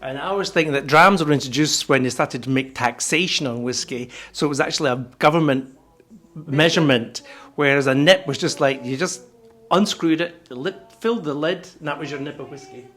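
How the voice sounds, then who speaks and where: A woman's voice: low-pitched, a little fast, fairly bright tone. A woman, hosting a live tour in a casual, jokey way. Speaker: live virtual tour host.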